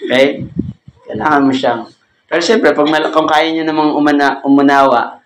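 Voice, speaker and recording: A man's voice: a little high, fairly even intonation, moderate pace. A man leading a cell group Bible lesson as a pastor, speaking conversationally, joking and laughing often and asking the group questions. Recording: echoey room with faint ambient noise.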